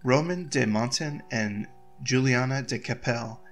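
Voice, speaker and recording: A man's voice: medium pitch, measured pace, soft background music, close to an everyday voice. A man voicing a nervous young princess in a game, who frets aloud and keeps repeating reassurances to herself. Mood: composed. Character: nervous young princess, anxious heir to throne. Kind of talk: reading game dialogue aloud.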